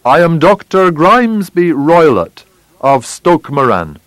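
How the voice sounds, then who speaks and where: A man's voice: fairly high pitch, sing-song, takes it slowly, no room sound, voice pushed up, exaggerated voice. A man playing a snarling, furious old villain. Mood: angry, demanding. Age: older. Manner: snarling, shouting, blustering. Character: furious, menacing old villain, huge and fierce. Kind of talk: audiobook character voice.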